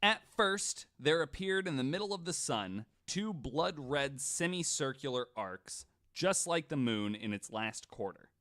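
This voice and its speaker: This podcast host speaks in a fairly high, animated voice that sounds pushed and bright, a little slow yet with hardly any pauses. His casual storytelling chat is irreverent and full of swearing, with frequent stammers and repeated words, and now and then he reads out a quote.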